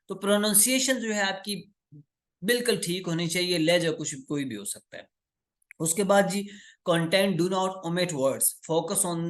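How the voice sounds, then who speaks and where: A male tutor giving an exam-prep lecture, reading English lines slowly and explaining them with many fillers. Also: high-pitched, a bit bright. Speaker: English test teacher.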